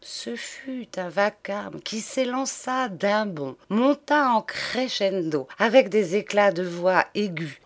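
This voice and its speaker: A woman narrating a literary audiobook with a measured, expressive reading and a dramatic lilt. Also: mid-range voice. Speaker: audiobook reader.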